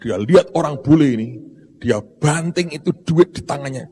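Animated storytelling male preacher. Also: on the high side, moderate pace, breathy edge, long reverb tail. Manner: animated storytelling, addresses listeners as brothers. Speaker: pastor. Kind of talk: sermon.

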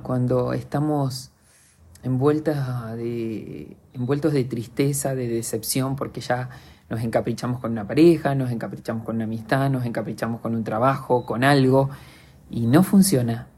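An Argentine man speaks in a reflective podcast monologue, earnest and confessional as he addresses his listeners directly. His voice is mellow and dark in tone, with a slightly husky grain. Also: medium pitch, fairly even intonation, normal speed. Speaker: podcast host.

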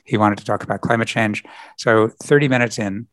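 A man being interviewed as a podcast guest, explaining his work thoughtfully with frequent pauses. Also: fairly low pitch, fairly even intonation, a bit bright, no room sound. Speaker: podcast guest, environmental lawyer. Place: lives in Britain.

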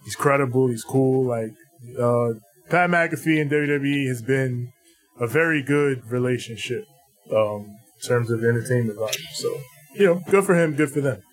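A man with an average-pitched voice co-hosts a podcast. He talks informally, repeating himself and swearing now and then. Music sits faintly behind him. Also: moderate pace, rough recording. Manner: informal, profane, repeats phrases. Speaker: podcast co-host. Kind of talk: casual wrestling news chat.

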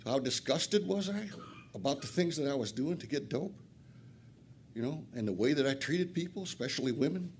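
A man's voice: mid-range voice, animated, fairly quick, darkish tone, a little hiss or hum. An older man from Flint, Michigan, telling a profane, self-mocking recovery story at a retreat and laughing often. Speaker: recovery speaker.

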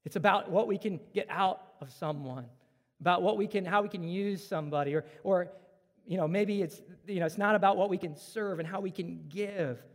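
A man in his thirties gives a sermon in a relaxed, chatty way, slipping into quick voices of coworkers and strangers to land his points. His voice sits high. A long hall reverb trails behind him. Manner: conversational, acts out everyday dialogue. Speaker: pastor.

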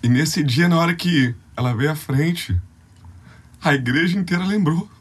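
A man's voice: fairly high pitch, moderate pace, slightly rough. A young Brazilian man, a youth ministry leader, telling a heartfelt, tearful testimony on a podcast in a casual, slangy way.

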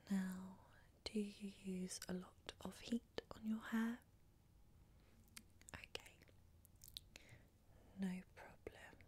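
A woman whispering softly and reassuringly as a hairdresser in an ASMR roleplay, talking close to the mic. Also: mid-range voice, steady tone, slightly rough. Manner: soft, unhurried, reassuring with many fillers. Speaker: ASMR creator playing a hairdresser.

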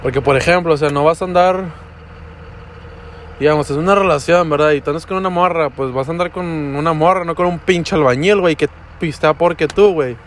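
A young Mexican man vlogs casually to camera in a fairly high voice at a fairly quick pace, with a bit of hiss or hum. He tells stories full of slang and swearing, switching into English mid-sentence.

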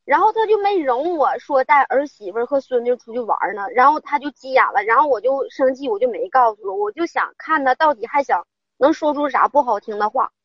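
Middle-aged woman caller, high voice, rambling and distressed, dry dull lo-fi line. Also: lively intonation, brisk, dry recording. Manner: rambling, upset storytelling. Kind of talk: phone-in advice call.

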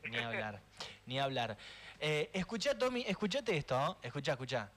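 A man's voice: on the high side, big pitch swings, normal speed, fairly bright tone, slight background noise. A man in his twenties with an Argentine Spanish accent, hosting a radio show in a friendly, easygoing way with curious questions. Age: 20s. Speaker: radio host. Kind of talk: casual radio chat.

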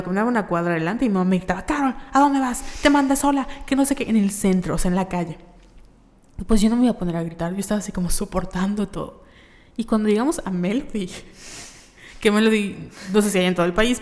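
A woman's voice: lowish voice, darkish tone. Chatty young Mexican woman, echoey room. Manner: chatty storyteller, acts out quoted voices. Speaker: podcast co-host. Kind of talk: casual chat.

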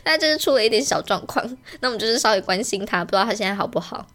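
A young woman, co-hosting a podcast in casual chat, giggly and animated. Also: medium pitch. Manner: giggly, animated, quick to mimic friends. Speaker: podcast co-host.

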